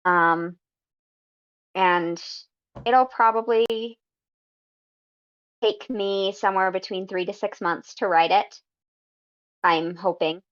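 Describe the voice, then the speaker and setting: Thoughtful woman guest chatting about her writing, relaxed and unhurried, muffled lo-fi audio. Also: mid-range voice. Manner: unhurried, thoughtful, frequent ums. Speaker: guest fanfiction writer. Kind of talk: casual podcast interview. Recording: slightly dull lo-fi audio.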